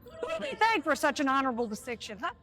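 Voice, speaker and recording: A woman's voice: sits high, huge pitch swings, fast, fairly bright tone, faint music behind, full character voice. A woman playing a peppy, wisecracking school lunch lady heroine in a hammy comic skit, full of exclamations. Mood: delighted. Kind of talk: live comic audiobook-style skit.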